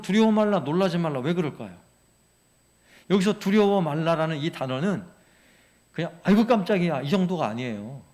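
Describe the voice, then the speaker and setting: A pastor with a fairly high voice leads a Bible memorization lesson in church. He keeps turning to his listeners with questions and checks that they follow along. His tone is conversational and lively, like a teacher in front of a class. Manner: engaging, asks congregation questions.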